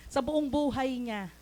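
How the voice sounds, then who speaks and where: A lay preacher with a Filipino accent delivers a church sermon in Tagalog sprinkled with English, calling out for amens. Her voice is high and mellow, and the recording is rough.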